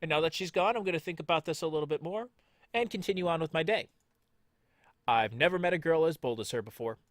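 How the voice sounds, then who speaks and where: A man's voice: on the high side, quick pace, dry recording, clean studio sound. A man hosting a let's play, reading the game's text aloud and joking along with it in a playful, sarcastic way. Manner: playful and sarcastic, jumps into mock voices.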